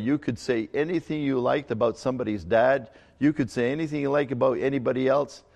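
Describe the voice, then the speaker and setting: A middle-aged male pastor who grew up in Ecuador, preaching a sermon in a conversational, halting way with fillers and restarts. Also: medium pitch, gravelly, a little mellow, muffled recording. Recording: long hall reverb.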